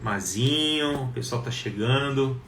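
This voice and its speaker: A chatty man hosts a live stream from home, greeting viewers one by one in a relaxed, casual way. He sits back from a wireless mic, so his voice sounds distant in a roomy space, with faint noise behind him. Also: medium pitch, unhurried. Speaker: live show host. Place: home, Ribeirão.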